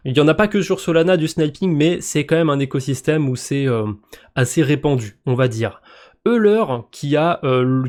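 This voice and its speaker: A man's voice: fairly high pitch, a little mellow. A man with a French accent hosting a crypto news roundup, talking casually and hesitantly with lots of fillers and restarts.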